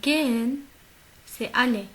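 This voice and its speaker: Slow, deliberate woman teaching a lesson. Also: a little high, a bit bright. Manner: slow and deliberate, repeats each word several times; checks in often with the listener. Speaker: German teacher. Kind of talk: slow classroom-style language lesson.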